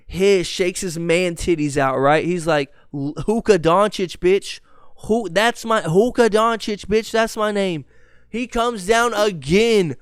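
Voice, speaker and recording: Young male podcast host, high, smooth voice, dry close sound, profane, animated storyteller. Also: dry recording. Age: 20s. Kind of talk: casual sports podcast storytelling.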